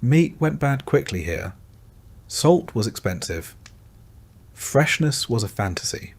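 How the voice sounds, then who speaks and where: A man narrating a scripted bedtime story in a calm, gentle second-person voice. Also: medium pitch, slow pace.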